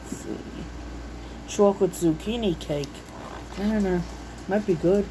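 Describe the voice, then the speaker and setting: Medium in pitch and a little slow, this woman speaks over background noise at home. She's a vlogger paging through a recipe book, unscripted and folksy, reading bits out and musing to herself.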